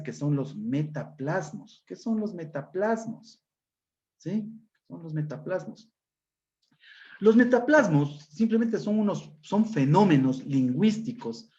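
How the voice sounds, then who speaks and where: A male teacher lectures an online class, explaining with examples and checking in with his students. His voice sits fairly high. The audio is dull and lo-fi, like a video call. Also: a little mellow. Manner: explains with examples, often asks "¿no es cierto?".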